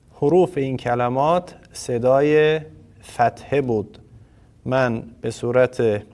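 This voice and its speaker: Slow formal man teaching Quran reading. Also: mid-range voice, a little mellow. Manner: slow, deliberate, sounds out letters for learners to repeat; polite and formal address to learners. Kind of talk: formal recorded lesson.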